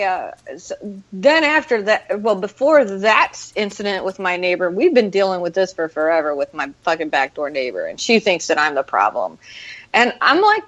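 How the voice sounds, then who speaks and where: A middle-aged woman co-hosting a show, telling stories in a loud, projecting, profane voice. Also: mid-range voice. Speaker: show co-host. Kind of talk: casual chat. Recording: muffled lo-fi audio.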